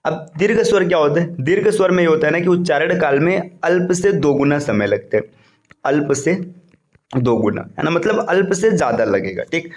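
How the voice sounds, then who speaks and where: A young man teaching an online exam-prep lecture, explaining slowly and repeating points, checking in often with his listeners. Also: on the high side, lively intonation.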